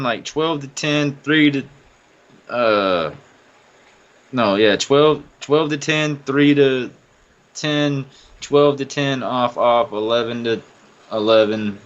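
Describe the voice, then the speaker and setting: A man co-hosting a podcast, telling stories in a profane, animated, casual way. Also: lowish voice. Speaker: podcast co-host. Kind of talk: casual chat, storytelling. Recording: dull lo-fi recording.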